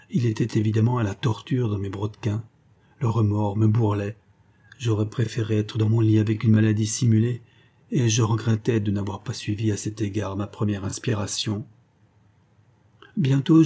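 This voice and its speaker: A man narrates an old comic tale as an audiobook. His voice sits low and sounds soft and slightly husky. He lifts his pitch for the quoted lines of the characters. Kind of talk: audiobook reading of a classic story.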